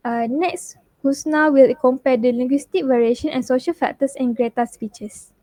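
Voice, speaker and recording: A woman's voice: sits high, fairly even intonation, normal speed, dark tone, dry recording. A young woman giving a scripted university class presentation, reading steadily with frequent fillers and self-corrections. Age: young adult.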